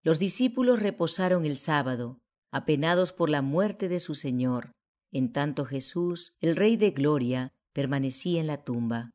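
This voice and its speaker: A woman narrating a religious audiobook in a solemn, measured way. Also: low-pitched, expressive, darkish tone.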